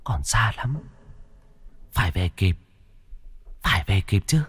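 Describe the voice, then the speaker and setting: A man's voice: a little high, sing-song, moderate pace, pitched above the performer's own voice. A man voicing the ghost of a frail old grandmother who mutters breathlessly in a hurry.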